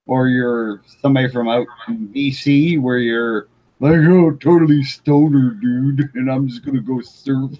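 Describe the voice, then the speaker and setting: A man from Canada in casual panel chat, blunt and quick to laugh. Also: mid-range voice, steady tone, highs cut off.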